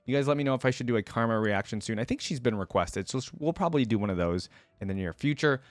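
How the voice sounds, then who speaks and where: A medium-pitched, animated man talks fast as he hosts a reaction video, giving casual commentary straight to his viewers. He's informal and conversational, and there is no echo.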